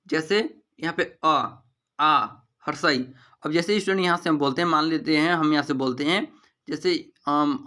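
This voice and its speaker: A man's voice: on the high side, pushed and bright. A man teaching an exam-prep grammar lesson, repeating each point back to students as a question.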